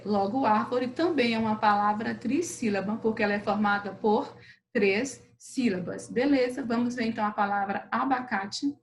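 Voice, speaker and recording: A woman teacher with a Brazilian Portuguese accent giving a lesson to children, patient and slow over syllables, often checking in with the class. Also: fairly high pitch, poor audio. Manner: patient, drawn-out syllables, frequent "beleza?" checks. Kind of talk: recorded remote lesson for children.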